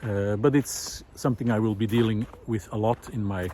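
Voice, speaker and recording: With a fairly low, dark voice, a male vlogger walks through a snowy park giving an unscripted, reflective talk full of thoughtful hesitation. His intonation stays fairly even at a moderate pace, and slight background noise is audible.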